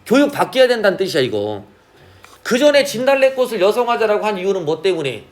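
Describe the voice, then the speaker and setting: Lively high-voiced male teacher. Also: fast talker. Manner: asks frequent check questions, drawls key terms. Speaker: Korean literature teacher. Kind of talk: classroom lecture.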